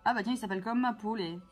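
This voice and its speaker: A woman chatting casually to her viewers as she plays a video game, playful and talkative. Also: mid-range voice. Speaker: vlogger playing a video game. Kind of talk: casual gameplay commentary.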